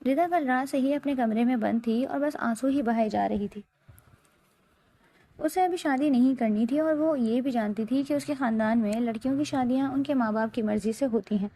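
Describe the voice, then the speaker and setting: A woman reads a romantic novel aloud as a steady, scripted story narration. Her voice is slightly high, with a gravelly, creaky edge and a mellow, dark tone.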